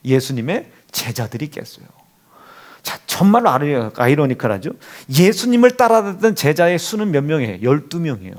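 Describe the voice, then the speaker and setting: Male pastor, sermon, high voice, very lively pitch, rhetorical questions, church mic. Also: a little fast. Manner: animated preaching with rhetorical questions and acted quotes. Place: church sanctuary. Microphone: handheld or stand microphone.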